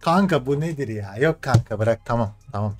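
Young man, gaming commentary, excitable, swearing, loud and lively, faint music behind. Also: medium pitch, brisk. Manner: excitable, swearing, shouting at the game. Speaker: gaming streamer. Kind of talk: live football video game commentary.

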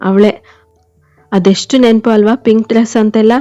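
A woman voicing an excitable young wife. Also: mid-range voice, normal speed, no room sound, lightly acted. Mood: mock-angry. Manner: excitable, mock-angry. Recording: dull lo-fi, faint music behind.

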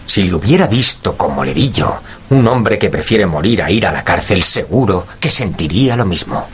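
A man playing an earnest, warm-hearted gentleman doctor in a radio drama, a loyal and polite sidekick. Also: low-pitched, expressive, normal speed, a little hiss or hum.

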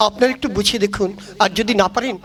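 A man plays the bride's elder brother in a comic puppet show, pleading with the guests and soothing his sister. His voice is very high for a man. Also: fairly even intonation, rapid-fire, a bit bright.

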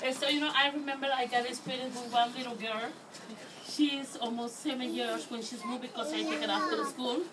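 High-pitched woman with a thick Spanish-speaking accent. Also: fairly even intonation. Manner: halting, non-native English with repetitions. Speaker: preschool teacher. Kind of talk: informal speech to parents and children. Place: outdoor daycare play yard. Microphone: handheld phone camera a few metres away. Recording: noisy, distant phone video.

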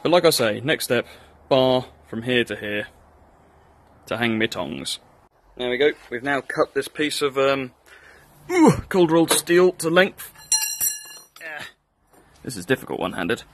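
A man's voice: medium pitch, lively intonation, moderate pace, fairly bright tone, a little hiss or hum. A Northern Irish man giving casual, self-deprecating narration of a workshop build, with plenty of ums and uhs. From Northern Ireland. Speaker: hobby blacksmith.

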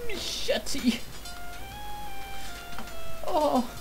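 This woman's voice sits high and sing-song as she plays a game very slowly, treating her tools like dear old friends in mock-dramatic, goofy fashion. It's comedic let's play commentary from a gaming YouTuber, recorded roughly with music behind.

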